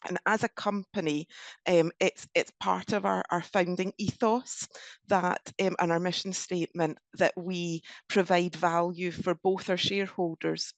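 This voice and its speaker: A woman with a broad Scottish accent giving a webinar presentation, pausing often with ums as she goes. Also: fairly low pitch, no room sound. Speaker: presenter from a renewable energy company.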